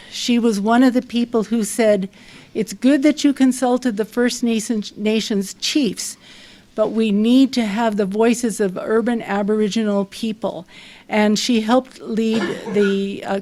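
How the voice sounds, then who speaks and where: A soft-spoken woman giving a formal, measured introduction as panel moderator. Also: fairly high pitch.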